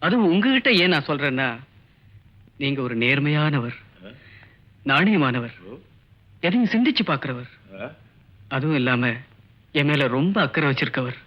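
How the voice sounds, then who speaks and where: An earnest, pleading young lecturer. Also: male voice, on the high side, sing-song, normal speed, long pauses. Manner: earnest, pleading, repeats his points solemnly. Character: wronged young male lecturer pleading his innocence. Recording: dull old film soundtrack.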